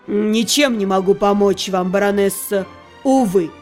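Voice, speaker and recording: A woman voicing a calm, genial older king with a measured, gently patronizing manner. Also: medium pitch, faint music behind, voice pushed down, close to an everyday voice.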